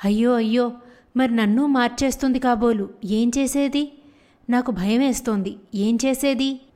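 A woman's voice: a little high, normal speed, warm tone, natural voice. A woman voicing a curious young girl in a fairy tale who asks anxious questions. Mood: worried, curious.

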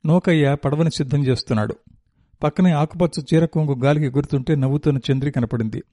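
Mellow male story narrator. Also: fairly high pitch, fast talker, no room sound, studio quality. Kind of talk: reading a novel aloud.

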